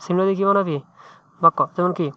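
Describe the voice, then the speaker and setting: A man's voice: sits high, level tone, rapid-fire, clean tone, no room sound. A man tutoring English in a chatty, informal way, often checking in with "right?". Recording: muffled dry lo-fi mic.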